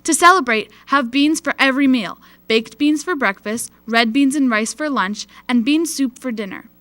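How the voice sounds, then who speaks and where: A woman's voice: sits high, normal speed, fairly bright tone, no echo. A young female student with an American accent, reading scripted school morning announcements as the anchor.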